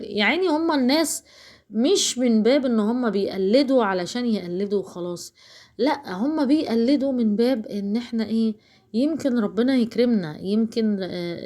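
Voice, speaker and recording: A fast, chatty woman from Alexandria talks viewers through her cooking in a casual home vlog, her Alexandrian Egyptian accent plain throughout. Her voice sits a little high, and she rambles freely, addressing her audience directly. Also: a little mellow. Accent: Alexandrian Egyptian Arabic. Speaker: cooking vlogger.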